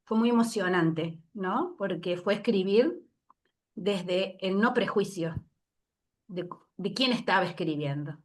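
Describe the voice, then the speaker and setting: A woman giving an invited talk over a video call, moved and reflective, pausing often with fillers. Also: medium pitch, a little mellow. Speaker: invited speaker.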